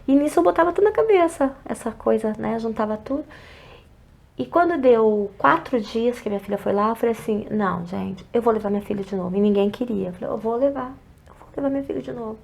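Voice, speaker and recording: A woman with a Brazilian Portuguese accent speaks as an interview guest, telling an emotional personal story. Her voice sits a little high and carries a steady gravelly fry. She often drops softer to act out what others said. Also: fast. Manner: acts out quoted dialogue, often softly.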